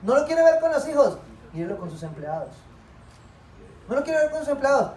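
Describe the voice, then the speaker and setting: A man's voice: very high-pitched, sing-song, brisk, darkish tone. A man preaching a sermon as pastor, asking the congregation questions and answering them himself. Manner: call-and-response questions to the congregation. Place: church hall. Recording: echoey hall, voice from far off.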